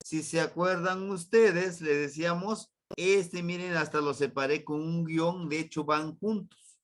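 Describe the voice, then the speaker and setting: A man from Mexico teaching a Nahuatl grammar lesson online, slow and patient, repeating words for his students. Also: fairly high pitch, steady tone.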